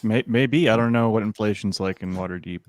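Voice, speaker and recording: A man's voice: fairly low pitch, fairly quick. A man playing a tabletop game in character, talking in a hesitant, mild way with many fillers. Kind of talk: in-character play.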